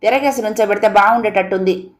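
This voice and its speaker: A woman's voice: medium pitch, pitched above the performer's own voice, close to an everyday voice. A woman doing an exasperated scolding father. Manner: rapid-fire scolding.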